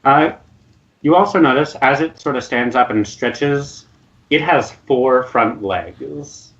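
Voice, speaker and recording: A man narrating as game master of a tabletop game, in a relaxed, hesitant way with fillers. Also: mid-range voice, slow pace, highs cut off.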